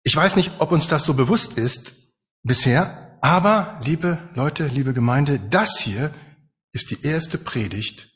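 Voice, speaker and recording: A man's voice: fairly high pitch, expressive, slow pace, fairly bright tone. A man preaching a sermon to his congregation, conversational and emphatic, with rhetorical questions.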